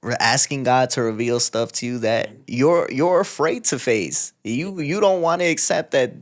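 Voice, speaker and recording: A man's voice: medium pitch, moderate pace. A man hosting a podcast interview, speaking reflectively and in earnest in a casual chat. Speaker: podcast host.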